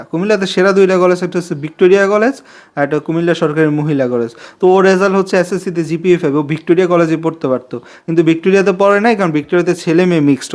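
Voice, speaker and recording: Young male vlogger, twenties, slightly high voice, rambling, confiding to camera. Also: darkish tone. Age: 20s. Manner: chatty and confiding, repeats himself, pleads for subscribers. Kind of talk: casual talking-to-camera vlog.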